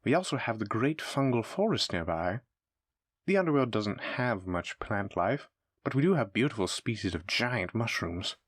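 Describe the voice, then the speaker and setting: A man with a fairly low voice and big pitch swings speaks at a moderate pace, cheerful and informative, as a polite, eager demon front desk clerk who's also a smooth salesman. The scripted roleplay speaks to the listener in formal, gushing hospitality talk, recorded at studio quality with no echo.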